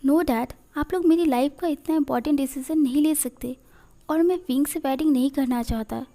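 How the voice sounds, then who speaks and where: A woman's voice: high voice, normal speed, dark tone, slight background noise, voice pushed up. A woman voicing an angry young man who protests against an arranged marriage. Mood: protesting.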